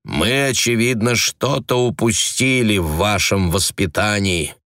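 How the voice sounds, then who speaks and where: A man voicing a dignified, stern old aristocratic lady who speaks slowly and haughtily in a storybook reading. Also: lowish voice, fairly bright tone, dry recording, studio quality. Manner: slow, haughty, measured.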